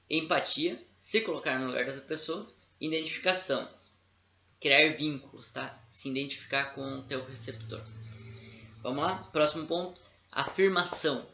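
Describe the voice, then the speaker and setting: A man's voice: medium pitch, pushed and bright. A man with a Brazilian accent giving a casual lecture as an instructor, often checking in with his listeners. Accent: Brazilian Portuguese. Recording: echoey room, dull lo-fi sound.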